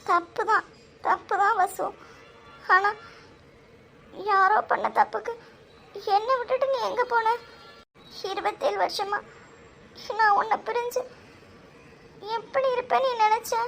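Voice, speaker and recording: A woman's voice: very high voice, unhurried, long pauses, sharp tone, slight background noise, heavily acted. A woman voicing a sickly, tearful aunt in a cartoon drama, pleading and questioning. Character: tearful sickly aunt, long-lost sister.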